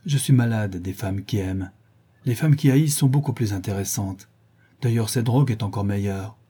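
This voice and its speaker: A man voicing a tormented, haughty young male dandy in an audiobook, breaking into shouted outbursts. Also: on the low side, moderate pace, slightly rough. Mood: weary.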